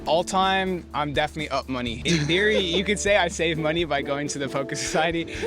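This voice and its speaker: A young man talks quickly and casually through his interview answers. Music plays in the background. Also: fairly high pitch. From Ireland. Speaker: student interviewee.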